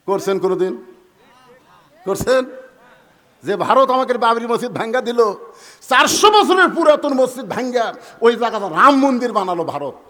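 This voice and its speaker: Man preaching a fiery sermon, high-pitched, keeps questioning the crowd. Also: lively intonation, moderate pace, pauses often, a bit bright, big-room sound. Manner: impassioned, fires rhetorical questions at the crowd. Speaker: Islamic preacher. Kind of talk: Bengali waz sermon. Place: outdoor religious gathering.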